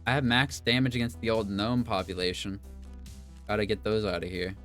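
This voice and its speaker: Guy with a lowish voice just rambling while he plays, game music going loud behind him. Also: brisk. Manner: rambling, musing aloud in a relaxed offhand way. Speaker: gaming video creator. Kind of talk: casual gameplay commentary.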